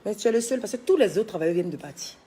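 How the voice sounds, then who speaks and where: A woman's voice: medium pitch, expressive, rapid-fire, warm tone, slight background noise. A tired woman hosting a casual live stream from her unfinished villa, chatting and teasing, reading out viewer comments. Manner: chatty, teasing, scolds workers. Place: her villa under construction.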